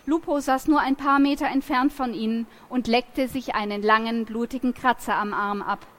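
A woman reading a novel aloud in a lively, expressive storytelling manner. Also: on the high side, moderate pace. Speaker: reader.

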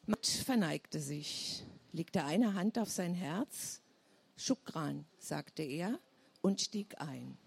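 A woman, the author, reading her novel aloud in a measured first-person voice and pausing to explain. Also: lowish voice, animated, gravelly, darkish tone, husky.

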